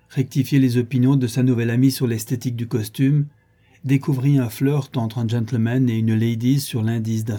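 Man, audiobook narrator, very dark tone, husky, measured steady reading. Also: mid-range voice.

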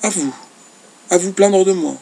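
A man's voice: mid-range voice, brisk, gravelly, darkish tone, breathy edge, low-quality recording. A man reading the lines of a wounded young girl protesting her love. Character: young girl, hurt and tearful lover.

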